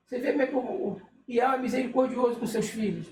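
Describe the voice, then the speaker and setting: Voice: medium pitch, quick pace. A religious teacher, explaining casually while reading from a list, often checking in with the listener and stopping to correct themself. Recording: echoey room with faint noise.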